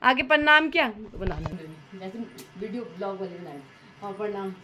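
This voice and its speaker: A woman's voice: medium pitch, very animated, moderate pace, pushed and bright, a little hiss or hum. A young woman, a mother, playfully coaxing and teasing her toddler at home in baby talk, laughing often. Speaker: mother and family vlogger.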